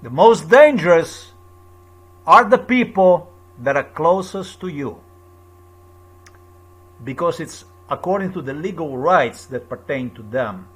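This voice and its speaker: A man's voice: mid-range voice, slight background noise. A man from Slovenia with a Slovenian accent, speaking to camera in an insistent, repetitive, lecturing monologue. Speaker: video blogger.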